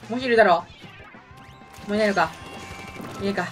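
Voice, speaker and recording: High-pitched, quick, and fairly bright, this male streamer narrates his gameplay live. He alternates between quiet mutters and outbursts, with video game music and audio behind him.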